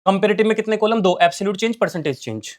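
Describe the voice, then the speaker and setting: A man teaching accountancy in an online lesson, reading out numbers as he writes and firing quick questions that he then answers himself. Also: high voice. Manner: talks while writing, reading out numbers. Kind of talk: online lesson, solving on a board.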